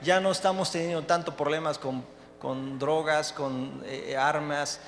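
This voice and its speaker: A preacher acting out a gruff prison director, higher than his own talk, blunt and then pleading. Recorded with a long hall reverb. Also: steady tone, a little slow, a bit bright. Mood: apologetic. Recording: echoey church hall, faint noise.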